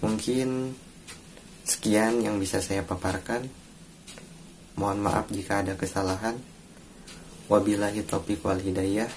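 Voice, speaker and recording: A young man with an Indonesian accent, presenting a course assignment in a formal, earnest, measured way, pausing between phrases. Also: fairly low pitch, fairly even intonation, a little hiss or hum. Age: young adult. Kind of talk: read-aloud presentation.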